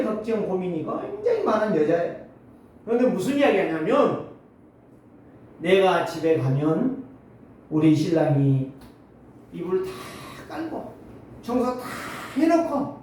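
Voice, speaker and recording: A man in his sixties preaches to his congregation with a high, restless voice that leaps between loud exclaims and murmured asides. The sound rings through a very echoey sanctuary, picked up from some distance. A faint hum of room ambience sits underneath. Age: 60s. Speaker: pastor. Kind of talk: sermon. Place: church sanctuary. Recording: very echoey hall, mic at a distance.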